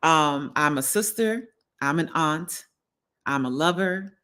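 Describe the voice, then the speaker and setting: With an animated, low-pitched voice and a sharp tone, this New Orleans woman takes her time as she hosts a wellness livestream. She's middle-aged and conversational, frequently turning to viewers to check in and seek their agreement.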